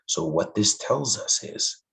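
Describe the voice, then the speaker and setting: Man, very low voice, math teacher, hoarse, friendly, explaining step by step. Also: expressive, takes it slowly, noisy background. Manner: friendly, calls students "friends", stresses key points. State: losing his voice. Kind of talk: classroom math lesson.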